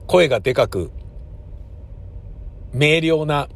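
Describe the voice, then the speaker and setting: A man's voice: a little high, lively intonation, slow, gravelly. A man, a stage actor, reminiscing casually in a wistful storytelling manner, acting out the quoted lines of others.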